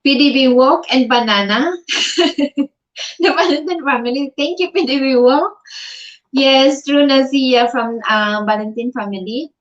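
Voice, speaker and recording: A woman's voice: high-pitched, a little slow, lo-fi sound. A Filipino woman doing a casual livestream from her bed on her phone, reading out viewer comments, mixing Tagalog and English and laughing often. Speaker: livestream vlogger. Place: in bed at home.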